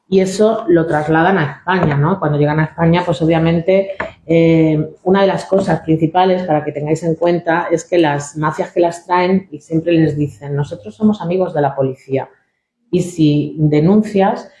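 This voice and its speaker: A woman's voice: lowish voice, dark tone. Woman presenting in an echoey room. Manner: frequent "eh" fillers and tag "¿no?". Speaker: NGO spokesperson presenting annual data. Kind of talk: spoken presentation.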